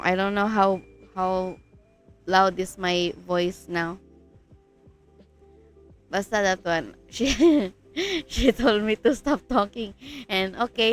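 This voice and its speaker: A woman with a Filipino accent chatting casually on a livestream, giggling often, her voice stuffy and congested from a cold. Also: medium pitch. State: stuffy nose, sick voice. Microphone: streaming mic.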